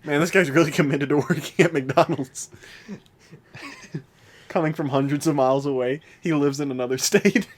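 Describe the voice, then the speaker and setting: A man with a somewhat high voice co-hosts a casual podcast chat. He jokes freely and keeps breaking into laughter mid-sentence. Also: normal speed, long pauses. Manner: joking, laughs often through his words. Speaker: podcast co-host.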